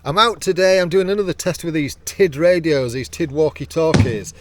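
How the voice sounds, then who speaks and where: Clear water and boat noise surround a British man in a kayak on a canal, who speaks at normal speed in a voice on the high side. He's a vlogger showing off a product test, chatting casually to camera and joking around with friends.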